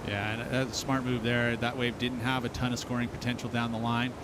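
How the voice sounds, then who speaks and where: A man's voice: level tone, fairly quick. A man giving live analysis of a surf contest in a conversational, explanatory way. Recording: clear outdoor rumble and noise.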